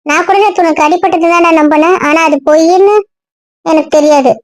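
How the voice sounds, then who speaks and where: A woman's voice: extremely high pitch, steady tone, a little fast, dry recording. A woman playing a young female friend who chides and teases. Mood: chiding.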